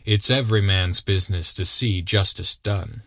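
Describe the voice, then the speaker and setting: A man voicing a confident, composed detective who speaks in a crisp, assured way. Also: fairly bright tone, no echo. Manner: crisp, assured, quicker and higher than the narration. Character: brisk, confident male detective, sharp and composed. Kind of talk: audiobook character reading.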